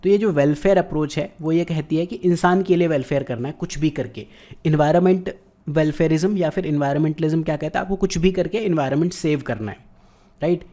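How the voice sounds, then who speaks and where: Man giving a dark-toned lecture. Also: on the high side. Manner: explains in Hindi mixed with English terms, often adds "right". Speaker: geography teacher. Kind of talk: recorded exam-prep lecture.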